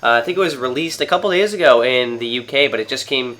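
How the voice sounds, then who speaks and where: Quick and expressive, a Canadian gaming host's mid-range voice has a sharp edge and a nasal sound from his cold. At home in front of his TV, he gives rambling, casual commentary on the game, riddled with fillers and restarts.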